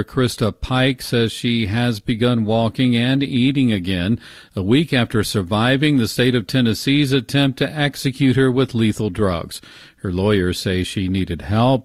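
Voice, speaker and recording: Speaking close to a dry studio microphone with no echo, an American news anchor delivers a scripted radio newscast in a lowish voice.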